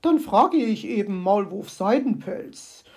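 A woman voicing a prim, touchy female magpie in a storybook audio play, scolding and indignant in a husky, gravelly voice. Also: expressive, slow pace, darkish tone, heavily acted. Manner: indignant, scolding, shrill outbursts.

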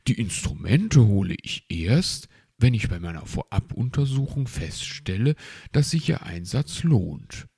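A man's voice: fairly low pitch, very animated, unhurried, creaky, dark tone, husky, no echo, clean studio sound, exaggerated voice. A man voicing a grumpy, crotchety old male owl in a storybook, irritable and pompous. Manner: irritable and pompous, making excuses. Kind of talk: storybook reading.

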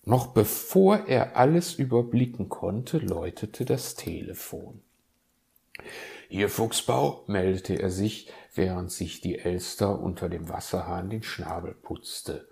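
Slow gravelly storyteller man. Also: sits low. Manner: expressive, lively telling. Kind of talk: storybook reading.

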